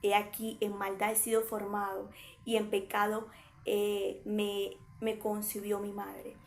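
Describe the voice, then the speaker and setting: A woman's voice: medium pitch, monotone, a little slow, creaky. A woman preaching a sermon, reading scripture and explaining it with everyday examples, repeating phrases for emphasis.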